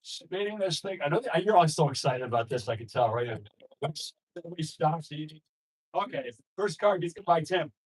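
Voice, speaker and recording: A man from Rochester, New York, emceeing a member dinner as association president, joking loudly and rallying the room. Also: a little high, lively intonation, normal speed, husky, poor audio. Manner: jokey, loud, rallying a room. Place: banquet hall at a dinner meeting.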